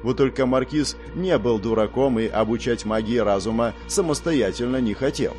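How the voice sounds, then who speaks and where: A man narrating a fantasy audiobook in an expressive, storytelling manner. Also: medium pitch, moderate pace, faint music behind. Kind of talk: scripted narration.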